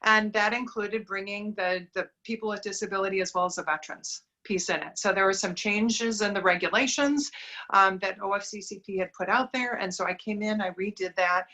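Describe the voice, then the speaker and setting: Poor audio captures a middle-aged woman from Wisconsin, a diversity recruiting business owner, chatting as an interview podcast guest. Medium-pitched, fairly quick, and pushed and bright, she speaks with a Wisconsin accent, upbeat and talkative, with frequent affirming murmurs.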